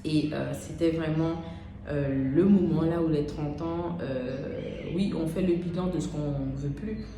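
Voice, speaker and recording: A woman in her thirties with a low voice gives a motivational coaching talk, speaking straight to the listener with frequent hesitant pauses. The room rings with heavy echo. A steady hiss of background noise sits under her voice. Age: 30s. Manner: unscripted, addresses listener as "tu", many "euh" pauses. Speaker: life coach.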